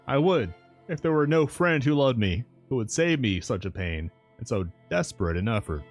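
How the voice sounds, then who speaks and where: A man reading aloud and voicing a brave, grief-stricken young woman in a storybook, pitching his voice up for her. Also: very animated, normal speed, soft background music. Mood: sorrowful resolve.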